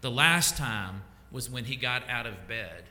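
A man preaching a sermon as pastor, slow and deliberate, letting his voice fall to a hush at the ends of phrases. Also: medium pitch, expressive. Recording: echoey church hall.

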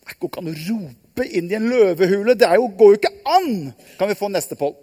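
A man telling a Bible story live to children, lively and asking them questions. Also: high-pitched. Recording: long hall reverb.

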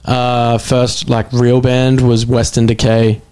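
An Australian man in his thirties chats casually on a podcast, telling relaxed stories peppered with swearing. His voice stays level and even in pitch, with little rise or fall. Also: takes it slowly, smooth. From Brisbane, Australia. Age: 30s. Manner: relaxed storytelling with swearing and fillers. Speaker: musician guest.

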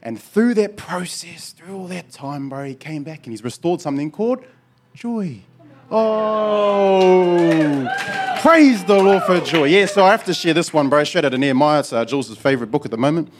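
A man's voice: a little high, a little fast, slight background noise. A man with a broad New Zealand accent giving an informal church testimony in slangy, colloquial, matey speech. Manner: slangy and colloquial, often saying "bro".

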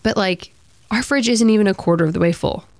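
A woman's voice: mid-range voice, a little fast, darkish tone, no room sound. A woman co-hosting a casual chat podcast, frank and opinionated with a wry edge. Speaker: podcast co-host.

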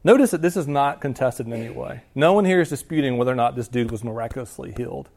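A man's voice: mid-range voice, quick pace, a little mellow. A man preaching a sermon in a casual, conversational way, often slipping into quoted lines. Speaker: pastor.

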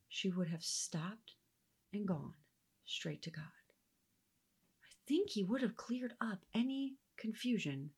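Woman Bible teacher, earnest and reflective, lively pitch, occasional soft whispered asides.

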